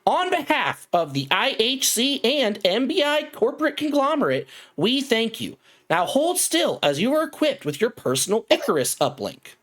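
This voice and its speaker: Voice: medium pitch, sing-song, moderate pace, few pauses, a bit bright, voice pushed up. A game master voicing a courteous corporate AI assistant system that reads out formal announcements. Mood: formal welcome.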